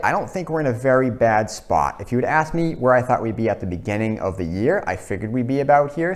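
A young man giving casual, informal golf commentary, talking through his own play. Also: mid-range voice. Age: young adult. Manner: self-narrating, informal. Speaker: host of a simulator golf series.

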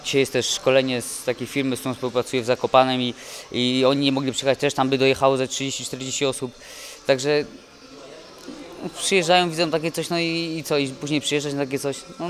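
A young man, a boxer, speaking in a halting, dejected way with many restarts in a post-fight interview at an indoor event press wall. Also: medium pitch. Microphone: handheld mic held by interviewer.

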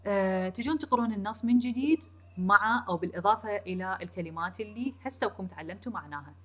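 A woman with an Iraqi Arabic accent teaches a recorded English lesson at a middle pitch. She talks straight to her students and switches between Arabic and slow, carefully spaced English. She repeats the key points. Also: expressive. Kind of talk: recorded online lecture.

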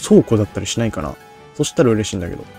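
A man's voice: lowish voice, sing-song, rapid-fire, gravelly, mellow, breathy edge, faint music behind. A man giving rambling, self-deprecating commentary on a game, his diction slurred and hard to catch. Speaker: game streamer. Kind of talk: casual Let's Play commentary.

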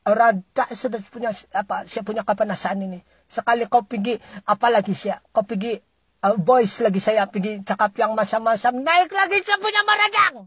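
Sabahan comic ranter, husky and exasperated, scolds an unseen listener with jumpy pitch, recorded dry. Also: fairly even intonation, normal speed, no echo. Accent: Sabahan Malay. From Sabah, Malaysia. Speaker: comic storyteller. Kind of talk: comic ranting monologue.

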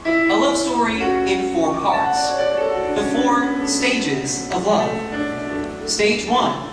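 A man's voice: sits high, animated, very slow. A young man from a vocal group giving a scripted, theatrical stage introduction. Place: church sanctuary. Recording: echoey church, distant mic, loud music behind.

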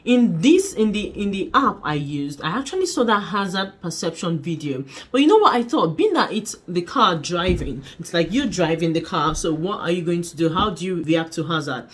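A woman vlogger dramatically recounting her own experience to viewers, expressive and laughing easily. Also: on the low side, moderate pace, few pauses. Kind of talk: animated storytelling vlog.

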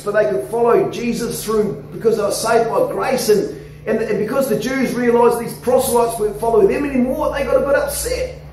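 A man in his forties with an Australian accent, preaching an animated sermon into a handheld microphone in a church hall. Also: extremely high pitch. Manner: animated, gesturing, coaxing the congregation. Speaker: pastor. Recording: echoey hall, somewhat distant, faint noise.

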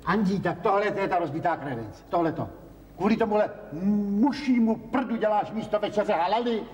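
An indignant worn-out middle-aged husband, exasperated, fairly high voice, 1970s TV drama, roomy reverb. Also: male voice, lively intonation, darkish tone. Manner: exasperated, protesting. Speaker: factory-worker husband. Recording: echoey 1970s TV film sound, faint hiss.

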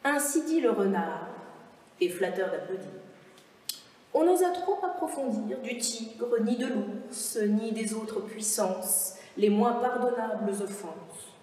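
A woman narrating a verse fable on stage in an expressive literary manner. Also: fairly high pitch, slow pace. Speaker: reader, actor. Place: large stone chapel, live audience reading. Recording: echoey chapel, voice from far off.

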